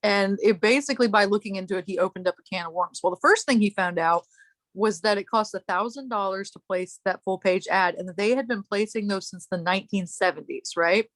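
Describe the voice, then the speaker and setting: A woman's voice: medium pitch, fairly quick, no echo. A woman hosting a casual chat, telling a long story in a rambling way, breaking off and laughing often. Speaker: podcast host.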